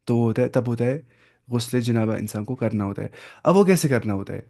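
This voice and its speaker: Teaching Arabic, this man slowly reads out each phrase before explaining it, mixing English words into his explanation. His voice is medium in pitch and warm in tone, with lively intonation and some vocal fry.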